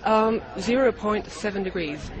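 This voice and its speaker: A man from Norway, answering in a hesitant, halting way during a street interview. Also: high-pitched, rough recording. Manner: hesitant, halting, searching for words. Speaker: campaigner being interviewed. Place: outdoors in a busy city street. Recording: street recording with crowd noise.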